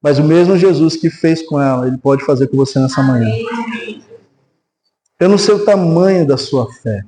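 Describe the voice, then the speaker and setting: With a fairly high-pitched voice at normal speed, a pastor with a Brazilian Portuguese accent preaches in a church sanctuary as a crowd is heard in the background. He animatedly recounts a testimony, acting out quoted voices, and leads a prayer. It is a low-quality recording.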